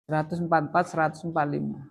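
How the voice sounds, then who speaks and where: A man teaching Arabic grammar in a classroom, quizzing students with lively rising and falling emphasis. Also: on the high side, racing, vocal fry, slightly rough. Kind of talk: classroom lesson with call and response.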